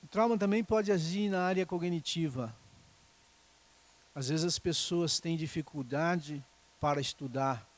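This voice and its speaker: A middle-aged man preaching a sermon in a conversational way, often checking in with the congregation. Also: on the high side. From Brazil. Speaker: pastor.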